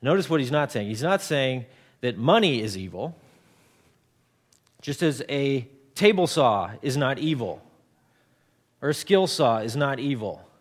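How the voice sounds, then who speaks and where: A man around forty delivers a sermon in an easygoing, conversational way. His voice sits at a middle pitch, and he often stumbles into repeated words. He works everyday stories into the preaching. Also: big pitch swings, measured pace, long pauses. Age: 40s. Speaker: pastor.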